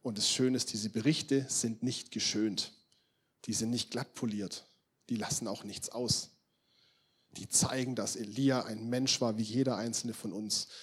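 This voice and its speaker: Husky young man preaching a sermon. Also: on the low side, fairly even intonation, unhurried. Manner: casual, swings from loud emphatic outbursts to quiet intense murmurs; addresses the congregation directly.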